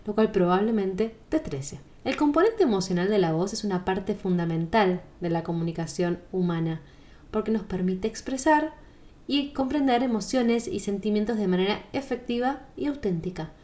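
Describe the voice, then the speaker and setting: Calm Rioplatense woman singing teacher. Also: medium pitch. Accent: Rioplatense Spanish. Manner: calm, explanatory, speaks straight to the listener. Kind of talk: podcast monologue.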